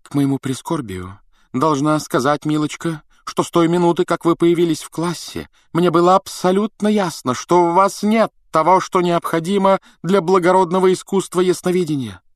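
A man voicing a dreamy, sing-song female divination teacher in a slow, drawn-out croon. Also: mid-range voice, no room sound, studio quality, voice pushed up, lightly acted. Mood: cold offended.

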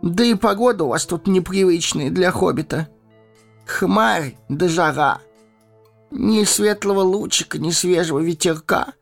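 A man voicing a plucky, excitable young male hobbit with a high, creaky put-on voice. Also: measured pace, faint music behind, heavily acted. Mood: weary grumbling.

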